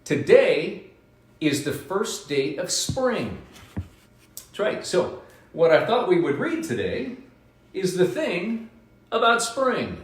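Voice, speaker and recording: Animated man reading a kids' book. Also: slow, long pauses. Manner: animated, sing-song storyteller with big pitch jumps. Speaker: radio host reading to kids. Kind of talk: live children's book reading from home. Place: his home. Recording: roomy home echo.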